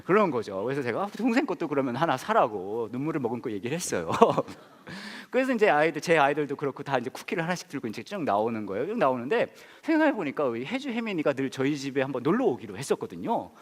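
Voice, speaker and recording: A man's voice: medium pitch, fast talker. A male pastor telling a funny story in a sermon, acting out the voices of the people in it and laughing often. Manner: animated, acts out voices in his anecdote, laughs often. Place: church hall. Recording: long reverb of a hall.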